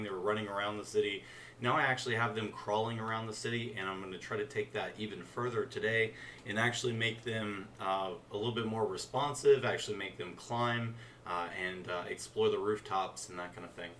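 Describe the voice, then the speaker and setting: Picked up from far away, a congested, scratchy-throated man talks on the low side as he rambles through his game modding on a casual screen-share stream. The game modder sounds relaxed and fills his speech with plenty of "uh."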